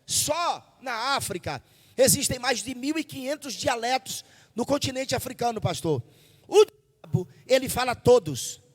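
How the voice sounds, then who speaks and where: A Brazilian man preaching a fervent Pentecostal sermon into a handheld mic at a church service, shouting and repeating phrases for the congregation. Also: very high voice, long reverb tail. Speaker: pastor. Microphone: handheld microphone.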